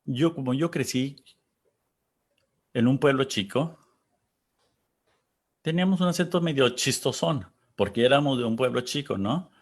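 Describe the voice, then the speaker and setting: A Texan man hosts a panel at a medium pitch, speaking casually and reflectively. He's thoughtful, pausing to search for words, and reads out comments from the audience.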